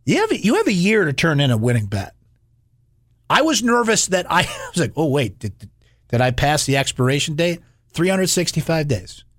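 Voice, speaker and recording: A male sports radio host with a fairly high, very animated voice in a dry studio sound. He delivers his monologue emphatically and playfully, leaning on repeated phrases. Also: dry recording.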